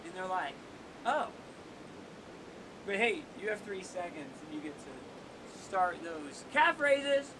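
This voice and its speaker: High-voiced upbeat man coaching a workout. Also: sing-song, takes it slowly, long pauses. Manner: upbeat, joking, counting down. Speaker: workout host. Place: small seaside cave outdoors. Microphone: camera on tripod at a distance. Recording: noisy outdoor recording with wave rumble.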